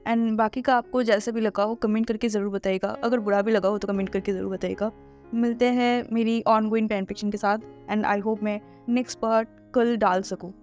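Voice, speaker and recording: A woman's voice: mid-range voice, steady tone, normal speed, a little mellow, soft background music. A woman narrating a fan fiction story in an earnest, emotive way, then chatting to her viewers.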